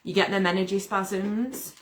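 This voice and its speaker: A woman's voice: medium pitch, a little slow, slight background noise. A young woman from the UK, hosting a casual livestream, talking loosely with fillers as she wraps up. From United Kingdom. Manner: relaxed, fillers, promotional wrap-up. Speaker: livestream host.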